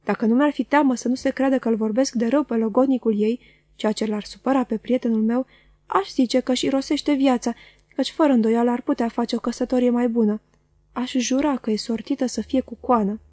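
A woman voicing a self-assured young gentleman who speaks in a smooth, mocking way, in a storybook reading. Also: a little high, steady tone, dry recording, natural voice. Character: suave, confident young gentleman.

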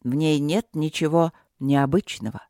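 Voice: mid-range voice, steady tone, unhurried, mellow, no echo, clean studio sound, natural voice. A reader doing a strained young duke. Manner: tense, wry, muttering.

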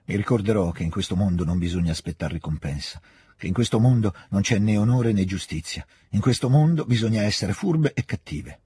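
A man's voice: fairly low pitch, animated, fairly quick, warm tone, slight background noise, lightly acted. A man reading aloud, voicing a bitter, spiteful young princess who speaks in vehement outbursts. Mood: indignant. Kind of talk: audiobook reading.

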